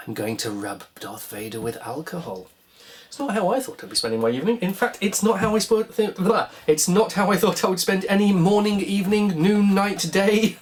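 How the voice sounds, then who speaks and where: Wry, rambling hobby vlogger over background noise. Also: medium pitch. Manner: rambling, wry musing with self-directed questions. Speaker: vlog host repairing a toy. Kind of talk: casual hands-on repair commentary.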